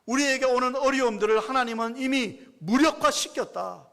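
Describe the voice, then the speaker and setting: A man's voice: very high-pitched, normal speed, vocal fry, a bit bright. A man preaching a sermon as pastor, emphatic and full of rhetorical questions to the congregation.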